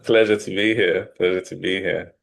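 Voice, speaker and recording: A man's voice: low-pitched, steady tone, moderate pace, gravelly. A man joining a panel as a guest over a video call, greeting everyone in a polite, formal way.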